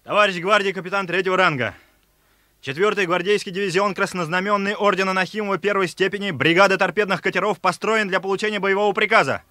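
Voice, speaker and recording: An actor playing a seasoned, thoughtful Soviet torpedo-boat officer who explains things in a plain, instructive way in a war drama. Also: male voice, high voice, fairly even intonation, fast, bright, forceful tone. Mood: barking, formal. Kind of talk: Russian war drama dialogue.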